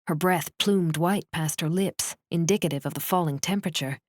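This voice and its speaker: Female audiobook narrator, measured and steady, lower register, dry studio read. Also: dry recording. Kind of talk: scripted novel narration.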